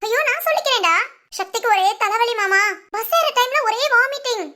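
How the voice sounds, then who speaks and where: A woman's voice: very high voice, lively intonation, a little fast, pushed and bright, exaggerated voice. A woman voicing a teasing young married sister in a cartoon, giggly and wheedling. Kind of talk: cartoon voice acting.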